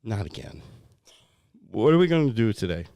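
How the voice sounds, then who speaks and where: A man's voice: lowish voice, big pitch swings, normal speed, warm tone, no echo, clean studio sound. A man with a New England accent co-hosting comedic banter, ranting with exasperation about everyday phrases. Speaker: co-host.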